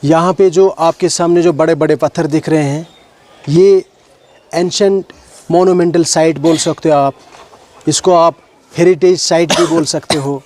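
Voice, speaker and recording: Kashmiri-accented male walk leader, fairly high pitch, talks to schoolchildren outdoors, explanatory, asks them questions. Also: steady tone, darkish tone. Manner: explanatory, asks questions of the children, mixes in English words. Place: outdoors at a stone heritage site.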